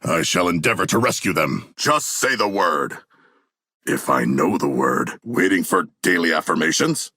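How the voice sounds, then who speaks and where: An actor playing a huge, noble and bloodthirsty shark warrior in a video game, deep and gravelly, with formal, grandiose diction. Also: male voice, expressive, normal speed, sharp tone, no echo, studio quality, heavily acted. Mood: calm, earnest.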